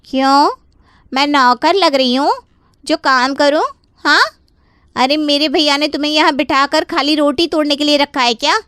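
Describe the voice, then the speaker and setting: Scheming young woman in a cartoon story, voiced by a woman, high voice, sly, taunting, dry studio sound. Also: steady tone, normal speed, fairly bright tone, no echo. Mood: rude. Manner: sly, taunting, fake-innocent whining. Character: scheming young married woman, spiteful sister-in-law. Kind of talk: Hindi cartoon voice acting.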